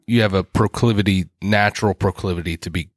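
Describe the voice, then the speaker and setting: A man co-hosting a casual church podcast, explaining ideas and citing scripture between quick laughs. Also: low-pitched, no echo, clean studio sound. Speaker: podcast co-host. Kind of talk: casual chat about church.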